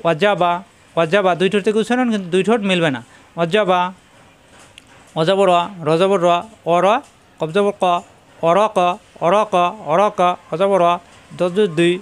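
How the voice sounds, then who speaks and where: A man's voice: high-pitched, fairly even intonation, normal speed, long pauses, smooth. A man teaching Quran reading, who spells out letters and their sounds one by one and repeats each drill patiently. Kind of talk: spelling-out recitation lesson.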